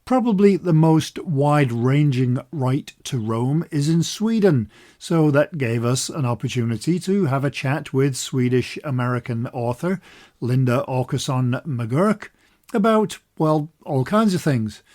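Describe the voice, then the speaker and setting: This podcast host speaks at medium pitch with lively intonation, a measured pace and a darkish tone. He's a Scotsman running a walking podcast, delivering a news roundup with dry wit and then bringing in his guest in an upbeat, chatty way.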